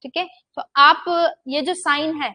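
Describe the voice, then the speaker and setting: In this dry recording, a young Hindi teacher delivers a grammar lecture in a high, sharp voice at a steady, unhurried pace. She stretches vowels to demonstrate their duration, and she frequently asks the class something, answers it herself, and says "ठीक है" again and again.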